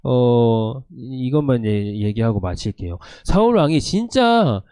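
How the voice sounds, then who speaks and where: Animated man preaching to teens. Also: medium pitch, unhurried, clear, resonant tone, no room sound, clean studio sound. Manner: animated storytelling, acting out quoted lines. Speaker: youth pastor. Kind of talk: sermon to teenagers. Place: church, online service.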